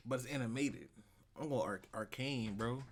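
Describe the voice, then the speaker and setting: A man's voice: medium pitch, normal speed, a crowd in the background. A man co-hosting a podcast, talking casually in slang with frequent swearing. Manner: slangy, peppered with swearing and "bro". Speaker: podcast co-host.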